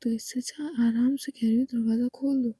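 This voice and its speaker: A woman voicing a controlling, threatening young wife who issues loud demands in a low, pushed voice, in a storybook reading. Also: unhurried, slightly rough, dry recording, full character voice. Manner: menacing, commanding, raised voice.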